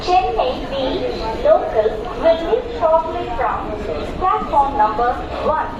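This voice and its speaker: A woman making slow, measured train announcements over a station loudspeaker, heard from far off. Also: very high-pitched, very animated, heavy reverb, highs cut off. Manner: slow, measured, evenly spaced words. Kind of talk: formal recorded announcement. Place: busy railway platform. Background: crowd chatter and station noise.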